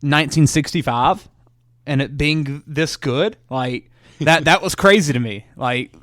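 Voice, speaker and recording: An easygoing man chats on a podcast and laughs readily. His voice sits a little high, and the recording is dry and close. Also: unhurried, fairly bright tone, dry recording. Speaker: podcast co-host. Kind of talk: casual chat.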